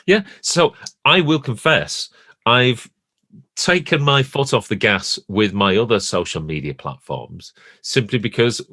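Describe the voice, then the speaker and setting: A man's voice: mid-range voice, animated, unhurried, bright, forceful tone, no echo, clean studio sound. A man chatting casually as a podcast co-host, often restarting phrases as he thinks aloud.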